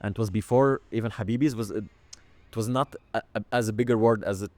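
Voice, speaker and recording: A man from Syria, a podcast host who talks in an earnest, reflective way and often pauses to search for words. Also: on the low side, a little mellow, no room sound. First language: Arabic.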